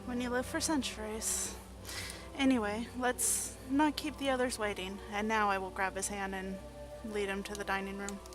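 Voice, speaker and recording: A woman playing her cleric at a tabletop game, playful and quick to laugh. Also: mid-range voice, steady tone, music in the background. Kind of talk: casual tabletop game play.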